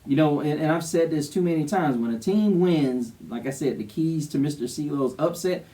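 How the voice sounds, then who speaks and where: Guy breaking down football games, kinda high voice, bit far off the mic, real opinionated. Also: expressive, normal speed, warm tone. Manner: opinionated, emphatic, conversational. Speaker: co-host of a college football show. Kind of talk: casual sports commentary.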